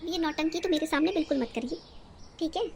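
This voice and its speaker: In a cartoon family story, the resentful daughter-in-law is a combative, sharp-tongued young wife with a high voice, voiced by a woman, who scolds and mocks constantly. She sounds angry, sarcastic, and quarrelsome, talking a little fast with a creaky edge, and there's a little hiss or hum.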